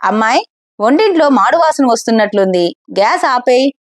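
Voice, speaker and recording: A woman's voice: fairly high pitch, expressive, fairly quick, no room sound, clean studio sound, close to an everyday voice. A woman voicing a protective mother of a grown daughter who speaks curtly to hurry a visitor away. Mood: guarded. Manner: curt, keen to send visitors away.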